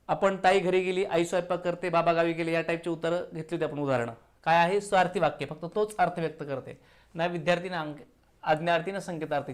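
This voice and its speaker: A man teaching an exam answer walkthrough, briskly asking questions and answering them himself. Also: high-pitched.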